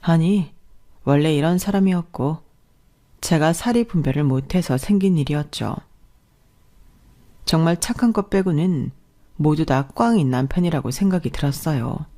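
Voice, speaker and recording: A woman reading a first-person story aloud in an even, confiding tone. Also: deep voice, moderate pace, pauses often.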